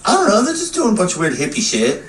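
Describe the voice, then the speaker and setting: A man rambling casually with many fillers on a relaxed chat podcast. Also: high voice, fast talker. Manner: rambling, laid-back, frequent fillers. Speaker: podcast co-host. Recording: roomy, distant, faint room noise.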